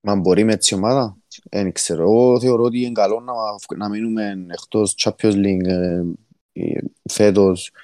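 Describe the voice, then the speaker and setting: A man's voice: on the low side, steady tone, dark tone, no echo. A man with a Cypriot Greek accent, giving his opinions as a panellist in a casual football discussion.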